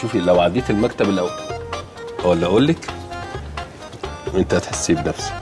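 Jovial Egyptian company owner, low voice, lively and quick, music bed, played by an actor. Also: male voice, lightly acted. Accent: Egyptian Arabic. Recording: TV soundtrack with music underneath.

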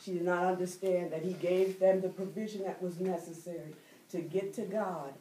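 Steady and dark in tone, this middle-aged woman's fairly low voice leads a Bible study in call-and-response style, drawing out important words and inviting the room to answer. The recording, from a far-off camera without a microphone, comes from a church library room with bookshelves and has an echo plus slight background noise.

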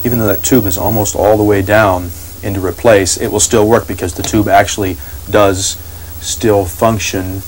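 A radio restoration hobbyist explains what he is doing while he works, unscripted, hesitant and thinking aloud. His lowish voice stays steady at a normal speed, captured on 1980s TV location sound with slight background noise.

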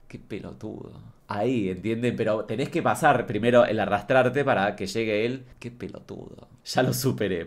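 A man with a Rioplatense accent rattles through a comedic advice monologue at a rapid clip. His delivery is camp and sassy, quick-witted and teasing. He sits at a middle pitch for a man. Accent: Rioplatense Spanish. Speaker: comedic advice host in character. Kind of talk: comedic monologue reading viewer messages.

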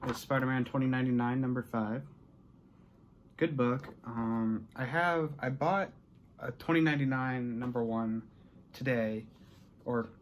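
Showing off his haul to the camera in a small indoor bedroom, a young American man rambles casually without a script. His voice sits in the mid range, with slight background noise.

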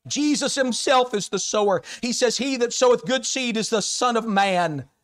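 A middle-aged American man preaching a sermon, moving from quiet folksy stories to shouted emphasis on scripture. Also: high voice, moderate pace. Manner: folksy, conversational storytelling between scripture readings. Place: church sanctuary.

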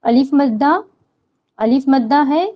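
A woman teaches Quran recitation rules, explaining each one slowly and patiently. Her voice sits a little high, and she asks questions and then answers them herself. The recording sounds dull and lo-fi. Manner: drawn-out chanted recitation of verses. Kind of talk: slow step-by-step tajweed lesson.

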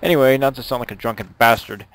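A man's voice: mid-range voice, quick pace, fairly bright tone. A man doing casual commentary over a video game, rambling with many restarts and fillers. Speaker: let's play host.

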